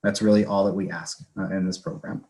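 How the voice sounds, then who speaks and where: A man with a somewhat low voice talks earnestly over a video call, easing along with casual fillers. His audio keeps cutting out, so the volume swings unevenly from loud to faint. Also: steady tone, brisk. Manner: earnest, conversational, fillers like "you know". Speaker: volunteer program presenter. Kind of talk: informational webinar talk.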